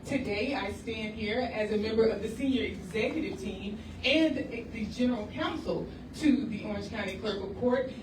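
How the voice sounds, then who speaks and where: A woman candidate giving a formal, measured campaign speech at a forum. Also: on the high side. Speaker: political candidate. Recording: echoey hall from far off, noisy.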